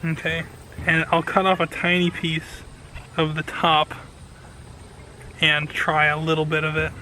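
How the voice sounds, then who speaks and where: A man's voice: fairly high pitch, completely flat delivery, measured pace, bright, forceful tone, slight background noise, low-quality recording. An enthusiastic man giving casual hands-on commentary as a gardening vlogger.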